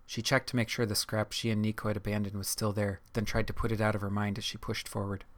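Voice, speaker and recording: Low, flat-voiced male narrator. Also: quick pace. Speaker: audiobook narrator. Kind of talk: scripted narration.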